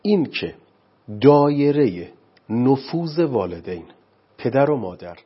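A man's voice: medium pitch, big pitch swings, breathy edge, highs cut off. A man from Iran, a parenting expert on a TV interview, explaining parenting styles in a lecturing way with many rhetorical questions.

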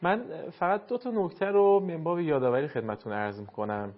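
A man's voice: a little high, dull audio. A man teaching Quran recitation on air, giving a caller formal, courteous and instructive feedback.

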